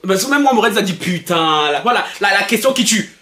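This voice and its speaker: A young man from Belgium giving animated gossip commentary as a YouTuber, excitable and mocking, laughing often and stumbling over restarts. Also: high-pitched, fairly quick, roomy sound. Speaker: YouTuber commenting on pop culture.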